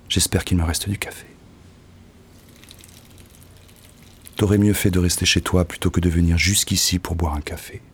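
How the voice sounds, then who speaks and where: An actor playing a bitter, lonely young poet in an audio drama, speaking gruffly and curtly, at times sinking into a hushed half-whisper. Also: male voice, low voice, slight background noise. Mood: gruff, dismissive. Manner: gruff, curt and crude. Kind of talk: poetic audio-drama monologue.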